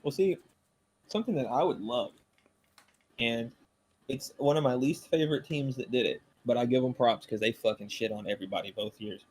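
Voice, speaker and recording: A man's voice: mid-range voice, normal speed, darkish tone, breathy edge. A young man with a Southern US accent hosting a casual podcast, talking sports with emphatic, profane remarks and stammered restarts. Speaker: podcast host. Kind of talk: casual chat.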